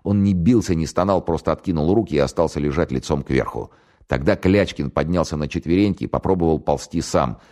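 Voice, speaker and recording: Man, extremely deep voice, audiobook narration, measured, dramatic. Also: mellow.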